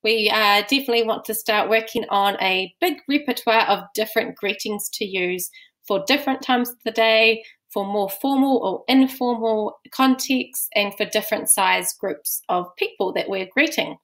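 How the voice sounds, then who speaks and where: A woman's voice: medium pitch, normal speed, a bit bright. A woman with a New Zealand accent teaching a recorded language course, explaining patiently step by step.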